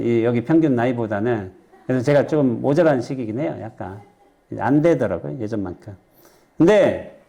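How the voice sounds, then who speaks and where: A middle-aged Buddhist monk from central Korea lecturing a lay audience in a chatty way, quizzing them and slipping in jokes. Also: male voice, mid-range voice, warm tone. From Chungcheong, Korea. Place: temple lecture hall with audience.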